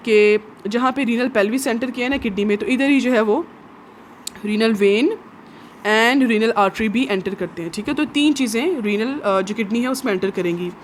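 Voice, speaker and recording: A woman's voice: on the high side, moderate pace, slight background noise. A woman teaching biology from labelled diagrams, patiently asking questions and answering them herself. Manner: patient and repetitive, asks a question then answers it, often adds "theek hai". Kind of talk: explaining labelled diagrams in a lesson.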